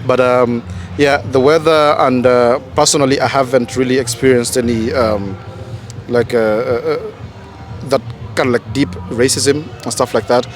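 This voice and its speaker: A man's voice: medium pitch, a little slow, soft background music. A man from Kenya chatting in a street interview outdoors, rambling with lots of ums and uhs, into a handheld mic. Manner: rambling, many fillers, lively. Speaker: interviewee, music producer. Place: outdoors in a park. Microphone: handheld mic held by interviewer.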